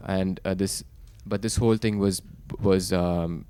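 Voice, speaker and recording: A man speaking on a panel, measured and critical, with some fillers. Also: deep voice, steady tone, warm tone, clean tone. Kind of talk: panel talk.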